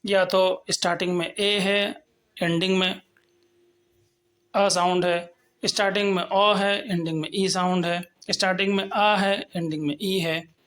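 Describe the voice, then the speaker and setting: A man teaching English pronunciation, explaining step by step and slowly sounding out example words. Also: high-pitched, steady tone, a bit bright. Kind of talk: lecture on phonetics.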